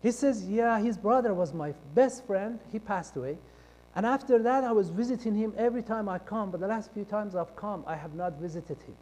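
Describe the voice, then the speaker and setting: Casting: man from Iran, high voice, telling his testimony, acting out the dialogue, loud one moment and hushed the next. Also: a little fast. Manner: acts out quoted dialogue, shifting between loud and hushed. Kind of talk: personal testimony storytelling. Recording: long reverb of a large hall.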